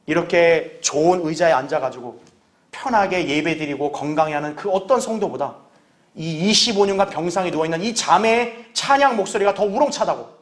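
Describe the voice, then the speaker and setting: A man with a high-pitched voice delivers a Sunday sermon as a pastor. He talks to his congregation in an earnest, conversational way, leaning on rhetorical questions to press his point home. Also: lively intonation, fairly quick.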